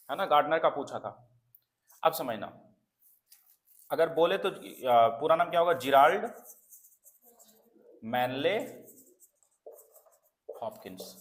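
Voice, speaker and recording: A man teaching an exam-prep literature lesson, repeating key points and often asking if it is clear. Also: a little high. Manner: repetitive, checks understanding often. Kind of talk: classroom lecture.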